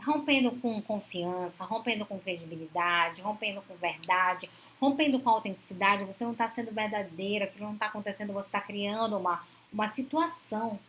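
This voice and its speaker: A woman's voice: mid-range voice, fairly quick, few pauses, fairly bright tone. Female psychologist, live-stream host; conversational, voices quoted couples, faint background hiss. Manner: conversational, acts out quoted dialogues in shifting tones. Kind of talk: casual live-stream talk to viewers.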